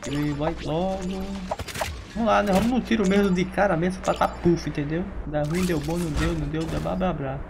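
A Brazilian-accented gaming YouTuber delivers chatty, excitable gameplay commentary and laughs often. His voice is on the high side, brisk and creaky, and the background is noisy.

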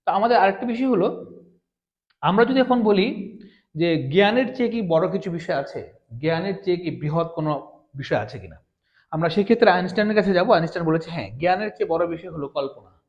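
A man with a high voice lectures like a teacher, posing questions and then answering them, often circling back to repeat a point. The sound is dull and lo-fi, and it rings in an echoey room. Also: expressive, brisk. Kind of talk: classroom lecture.

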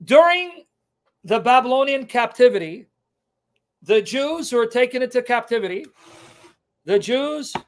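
A middle-aged man, Syriac his first language, teaches apologetics online from his home kitchen into a webcam. His very high voice is expressive, measured in pace, and broken by frequent pauses. He is emphatic and keeps repeating key terms.

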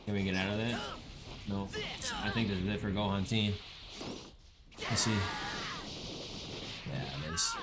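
A man giving casual commentary over his gameplay, chatty and growing loud and exasperated in fights. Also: fairly low pitch, animated, unhurried, pauses often, heavy background noise. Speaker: gaming YouTuber.

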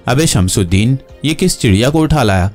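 A man voicing a gruff, bullying middle-aged jailer who sneers and threatens. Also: medium pitch, lively intonation, brisk, darkish tone, faint music behind, natural voice. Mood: scornful bully.

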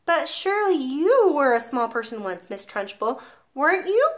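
A woman's voice: high-pitched, sing-song, moderate pace, voice pushed up. A woman voicing a brave but nervous little schoolboy in a children's story. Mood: plucky. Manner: eager, earnest, squealing when hurt. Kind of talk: children's storybook read aloud.

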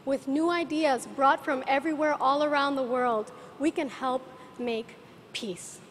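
A woman's voice: high-pitched, steady tone, measured pace. A woman in her twenties from Cuba giving an earnest stage speech as a pageant contestant. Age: 20s. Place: large auditorium stage. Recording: echoing hall, slight noise.

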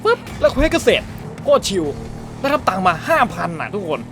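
High-voiced joking man gaming. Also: big pitch swings, brisk, a bit bright, soft background music. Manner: crude, joking, heavy swearing; dubs game dialogue in his own voice. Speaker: gaming YouTuber. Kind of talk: let's-play commentary.

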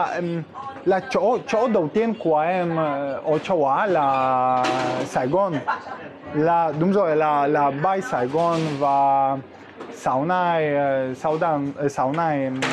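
Người đàn ông nước ngoài nói tiếng Việt bập bẹ. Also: male voice, fairly high pitch. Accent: foreign. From outside Vietnam, a foreigner. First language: not Vietnamese. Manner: halting, broken Vietnamese with searching and repeated words. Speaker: vlogger. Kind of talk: casual chat with strangers. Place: inside a restaurant. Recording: busy eatery chatter around the voice. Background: crowd chatter.

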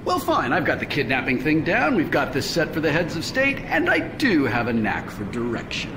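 An actor playing a vain, smug villain in a video game, monologuing with slow theatrical menace. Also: male voice, fairly high pitch, wildly swooping pitch, background noise. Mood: smug, dismissive.

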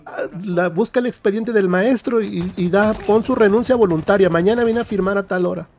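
Man voicing a blunt, swearing Mexican teacher; bossy, boastful, raised gravelly voice. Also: high-pitched, brisk, darkish tone, voice pushed up. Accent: Mexican Spanish. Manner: foul-mouthed, commanding, brash.

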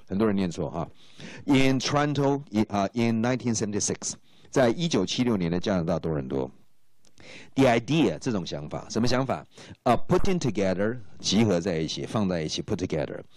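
A man's voice: low voice, darkish tone, dry recording. A man teaching English to exam students, explaining in Mandarin with English phrases and often checking if students follow. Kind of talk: exam-prep lecture.

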